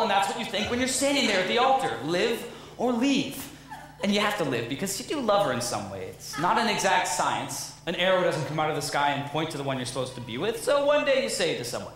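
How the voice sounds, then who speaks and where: A man's voice: high voice, very animated, a little fast, a bit bright. A young man playing a wistful middle-aged theatre fan who talks wryly to the audience on a stage musical. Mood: rueful. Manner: chatty, wry asides to the audience. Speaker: Man in Chair. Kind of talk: student stage musical acting. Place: school auditorium stage. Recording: echoey auditorium, audience noise.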